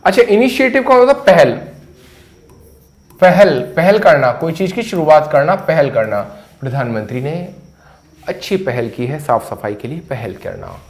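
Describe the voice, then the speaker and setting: Man, English teacher, chatty, repeats words slowly, slightly high voice. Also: sing-song. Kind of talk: explaining English vocabulary in Hindi.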